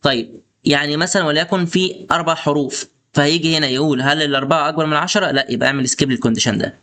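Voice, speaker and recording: Talking rapid-fire in a fairly high, somewhat bright voice, a young man with an Egyptian Arabic accent runs a screen-recorded coding tutorial. He coaxes viewers along in a chatty way, frequently addressing them directly as "boss" and "star."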